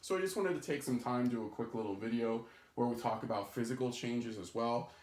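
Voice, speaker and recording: A man's voice: medium pitch, a little fast, a little mellow. A man recording an introductory chemistry lesson, explaining step by step and often checking in with "right?" and "okay?". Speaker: chemistry instructor. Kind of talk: recorded lecture.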